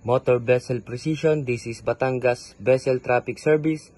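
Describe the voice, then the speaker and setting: A man's voice: medium pitch, steady tone, moderate pace, darkish tone. A man speaking as a vessel traffic service radio operator, giving formal, procedural replies in a scripted maritime radio exchange.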